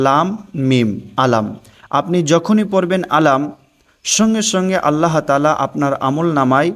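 A man teaching Quran recitation in a slow, measured way, repeating words for listeners to echo. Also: a little high. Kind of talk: religious recitation lesson.

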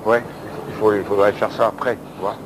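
A man coaching an exercise session indoors, giving brisk counted commands and encouragement. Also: on the low side, steady tone, background noise. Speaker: fitness coach.

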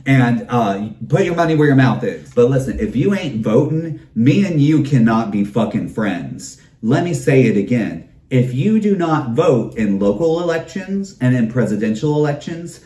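In a roomy recording with a distant mic, a man hosts his own videocast, launching into a campy, profane comedic rant and calling his listeners "darling." His mid-range voice has a dark tone and big pitch swings, moving at a moderate pace with few pauses.

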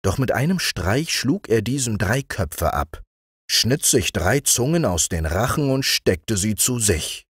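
Male audiobook narrator for bedtime tales; lively melody, dry close sound. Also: lowish voice, breathy edge, no room sound. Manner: slow, expressive storytelling. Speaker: audiobook reader. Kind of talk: bedtime fairy-tale narration.

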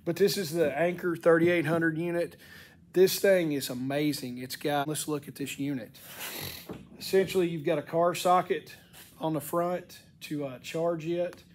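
A man's voice: a little high, fairly even intonation, measured pace, slight background noise. A middle-aged man with a congested, cracking voice, giving a casual, folksy product walk-through in a plain-spoken way. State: congested, voice cracking from sinus infection and allergies. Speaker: product reviewer. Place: indoor wooden-shelved workshop.

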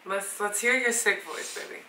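A woman's voice: medium pitch, steady tone, moderate pace, pushed and bright, echoey room, distant mic, a little hiss or hum, low-quality recording. A woman co-hosting a vlog in casual chat, filling her talk with "like". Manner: chatty, heavy use of "like". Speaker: vlog co-host.

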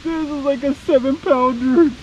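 A man commenting excitedly from a small boat on a river, exclaiming as he talks to his viewers. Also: extremely high pitch, moderate pace, dull audio. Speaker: fishing vlogger. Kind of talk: casual vlog commentary. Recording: wind and boat noise behind.

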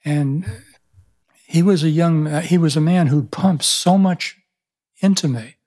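Pitched on the high side, his voice is a little slow and a little mellow. The speaker is a man in his seventies, a pastor and author, who reflects in conversation and tells stories with care, often beginning his sentences again. It's a small indoor room with a studio mic on a boom arm.

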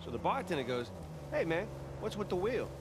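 A man's voice: sits high, sing-song, a little fast, background noise. An actor playing a playful adventurer who tells jokes to his companions. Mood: joking. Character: joking male adventurer, playful wisecracker.

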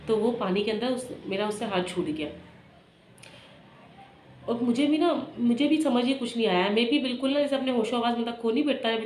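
Woman retelling a loss in an echoey room. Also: fairly high pitch. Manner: emotional, halting retelling with many restarts. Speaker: vlogger. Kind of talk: personal storytelling. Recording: echoey room with faint noise.

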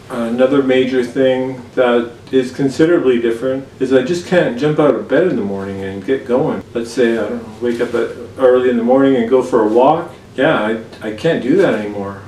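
Candid man in a roomy, distant recording. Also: medium pitch. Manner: candid, relaxed, with frequent fillers and pauses. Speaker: vlogger. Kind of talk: casual personal vlog. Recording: roomy sound from a distant mic with faint background hiss.

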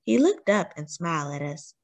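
Woman, storybook read-aloud, expressive, lively swooping pitch. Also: normal speed. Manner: expressive, animated. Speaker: teacher reading aloud.

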